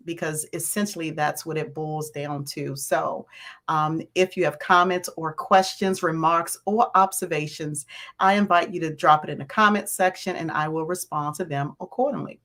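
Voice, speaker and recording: A woman with a raspy voice hosting a live stream, greeting viewers by name and repeating her points. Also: low voice, normal speed, fairly bright tone. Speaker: host of a livestream on landlord and tenant topics.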